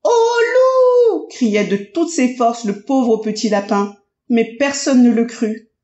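A woman narrating a children's audiobook in a slow, expressive storytelling manner. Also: on the high side. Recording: roomy, dull lo-fi audio.

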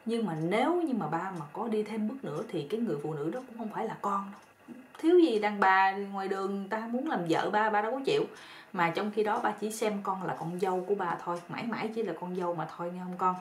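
Woman voicing a gentle old father-in-law. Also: mid-range voice, fast, lightly acted. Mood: reassuring. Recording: roomy echo with faint noise.

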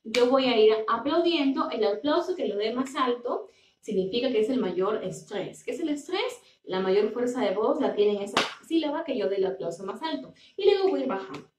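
A woman teacher, leading a bilingual English lesson and drawing out words slowly as she repeats them for pronunciation drills. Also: a little high, lively intonation, a little mellow. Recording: echoey room, distant mic, faint noise.

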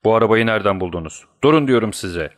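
Desperate male stranger in a storybook, fast and panicked, as a man narrator puts him on. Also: on the low side, a bit bright, natural voice. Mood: threatening.

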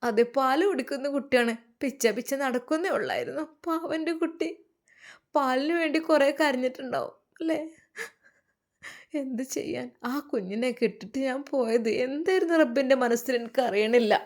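A tearful young mother with a Malappuram lilt, acted by a woman, begging her children's forgiveness between sobs. She talks softly and keeps her voice up on the high side. The piece is a storybook-style spoken tale. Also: moderate pace. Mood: tearful pleading. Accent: Malappuram Malayalam. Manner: soft, pleading, tearful. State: crying.

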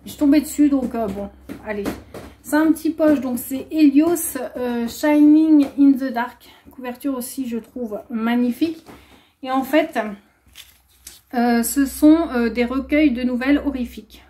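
A woman's voice: high voice, measured pace, dark tone. A young woman chatting casually through a book haul vlog, rambling with plenty of hesitations. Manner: chatty, rambling, many filler "euh"s. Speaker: booktuber.

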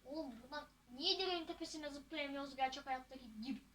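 A teenage girl giving casual, excitable gameplay commentary as a YouTuber, with loud outbursts and jokes. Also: high voice, quick pace, slight background noise. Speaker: gaming YouTuber.

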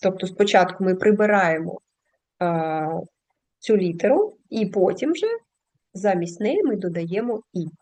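A woman's voice: medium pitch, lively intonation, unhurried, a little mellow. A woman teaching a language lesson, patiently explaining step by step and reading out word lists.

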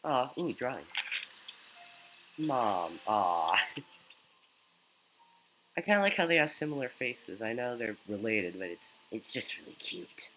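Bright-voiced man doing casual game commentary. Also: medium pitch, very animated, measured pace, pauses often, a little hiss or hum, low-quality recording. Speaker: gaming video host. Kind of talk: casual gameplay commentary, reading dialogue aloud.

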